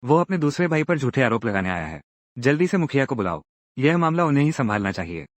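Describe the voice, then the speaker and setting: Male recap narrator, mid-pitched and very lively, dry close sound, acts out all the parts. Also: quick pace, no room sound. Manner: lively, acts out each character's lines in turn. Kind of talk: dramatic Hindi recap narration voicing every character.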